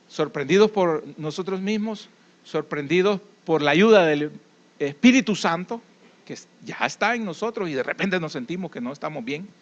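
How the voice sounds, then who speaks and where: A man's voice: on the high side, highs cut off. A man with a Salvadoran accent preaching a sermon in a conversational way, telling folksy stories and checking in with tag questions.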